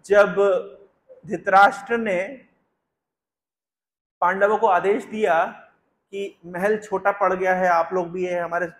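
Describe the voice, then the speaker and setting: Spiritual teacher, male, high-pitched voice, explains step by step and keeps questioning his listeners. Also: fairly even intonation, slow, long pauses, a bit bright. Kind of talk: Hindi discourse with chanted Sanskrit verse.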